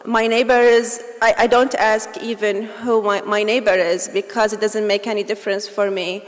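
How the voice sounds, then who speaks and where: A woman from Iraq with an Iraqi accent, giving a personal talk as a guest speaker, halting and full of "um" fillers and restarts. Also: mid-range voice, little pitch movement. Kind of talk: personal testimony speech. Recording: long reverb of a large hall.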